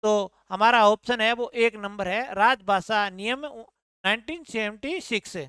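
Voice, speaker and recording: A woman's voice: fairly high pitch, measured pace, fairly bright tone, clear, resonant tone, dry recording, clean studio sound. A woman exam tutor working through answer-key questions, explaining each one and repeating answers back as questions.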